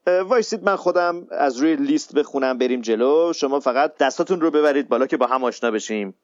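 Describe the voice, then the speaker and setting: A man playing an impatient, sarcastic group counselor in a radio sitcom, speaking brusquely with drawn-out hesitations. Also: mid-range voice, animated, no room sound, natural voice. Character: bossy impatient male counselor, middle-aged. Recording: slightly muffled, dry recording.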